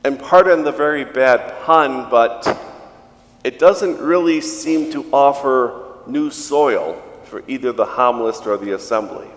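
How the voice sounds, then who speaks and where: A man, a priest, reading the gospel and preaching at mass in a slow, measured way, his voice ringing with a cathedral echo in a large church. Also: medium pitch. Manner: slow, measured liturgical delivery.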